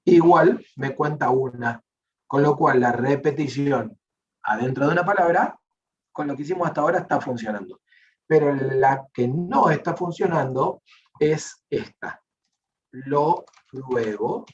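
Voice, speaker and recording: A man's voice: mid-range voice, slow pace, long pauses. A man with a Rioplatense Spanish accent teaching a programming class online, explaining step by step and often checking in with the students. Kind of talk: online class, live coding. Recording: distant, muffled online class audio.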